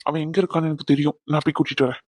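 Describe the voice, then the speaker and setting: Cartoon role: woman playing brusque but caring young husband, lowish voice, dry close sound. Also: flat delivery, very fast, a little mellow, breathy edge, no room sound. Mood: firm. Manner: brusque, comforting. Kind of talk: cartoon voice acting.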